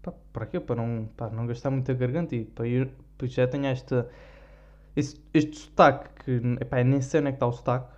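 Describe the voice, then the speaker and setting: A man's voice: medium pitch, fairly even intonation, fast talker, darkish tone, muffled recording. A young man from Portugal with a European Portuguese accent, telling a rambling, self-deprecating story on his podcast, full of fillers. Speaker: podcast host. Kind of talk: casual storytelling chat.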